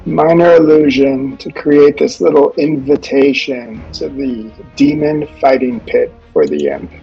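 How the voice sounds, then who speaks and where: A man's voice: medium pitch, animated, unhurried, vocal fry, warm tone, slightly rough. A man talking casually as a player in a tabletop game. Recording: muffled lo-fi audio, faint music.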